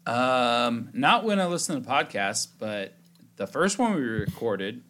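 A young man co-hosts a casual podcast, tipsy and a little sleepy. He teases his friend with dry asides and keeps his pitch in a middle range. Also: sing-song, unhurried, fairly bright tone. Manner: dry, teasing, laughs often. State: tipsy and drowsy. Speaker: podcast co-host. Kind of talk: casual drunken banter.

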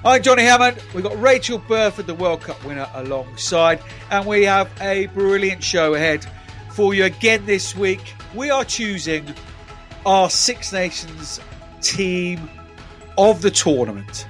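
Higher-pitched man hosting a sports podcast. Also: lively intonation, measured pace, a bit bright, soft background music. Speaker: podcast host. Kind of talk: casual sports podcast presenting.

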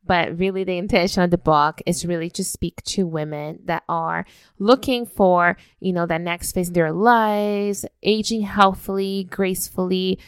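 Brazil-born woman author, smooth and chatty. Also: mid-range voice, dry recording, clean studio sound. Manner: warm, laughs often. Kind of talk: casual talk.

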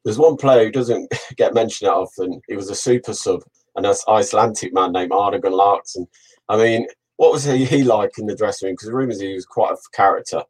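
A man's voice: on the low side, a little fast, husky, rough recording. A man interviewing a former player, asking questions in a casual, friendly way.

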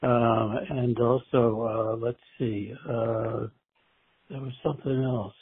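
A man from Philadelphia leaving a voicemail for a podcast host, halting and hesitant, heard as a phone message. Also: medium pitch, fairly even intonation, dry recording. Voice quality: husky, raspy. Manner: halting, with many hesitant fillers. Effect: voicemail played over a phone line. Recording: tinny dry phone voicemail.

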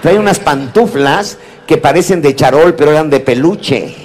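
A man's voice: fairly high pitch, expressive, normal speed, a little mellow, a little hiss or hum. A man delivers a motivational talk to a live audience. His tone is playful and teasing, and he keeps addressing the listeners directly. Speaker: motivational speaker. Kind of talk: humorous lecture to a live audience.

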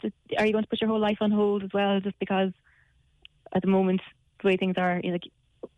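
A woman's voice: mid-range voice, little pitch movement, fast talker, no room sound, phone-quality sound. A woman in her thirties with a west of Ireland accent, chatting matter-of-factly as a caller on a radio phone-in. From Galway, Ireland. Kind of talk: casual personal account on talk radio.

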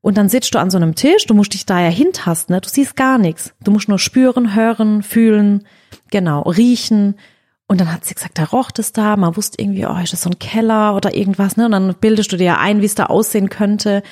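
A young woman, chatting casually as a co-host and retelling a story with lively quoted dialogue. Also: medium pitch, brisk.

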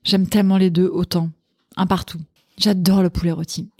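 A woman's voice: lowish voice, normal speed, breathy edge, dry recording, studio quality. A middle-aged woman from Sweden, a podcast guest and cookbook author, chatting casually and with enthusiasm. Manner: enthusiastic, animated storytelling. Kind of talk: casual chat.

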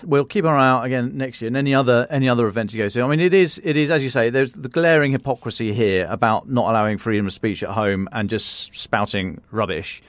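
A British man hosting a podcast interview, conversational and halting, often repeating his words. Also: medium pitch, no room sound. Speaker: podcast host.

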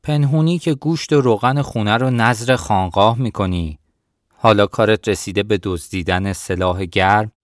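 Male reader as a cold cruel landlord, deep voice, threatening, audiobook. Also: no room sound, studio quality, lightly acted. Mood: menacing.

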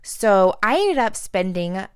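A woman's voice: medium pitch, big pitch swings, takes it slowly, smooth, dry recording, clean studio sound. A woman in her thirties hosting a podcast, casually recounting a solo trip, speaking chattily with lots of "like" and acting out what people said. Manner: chatty, says "like" often, acts out quotes. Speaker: podcast host. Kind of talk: casual storytelling monologue.

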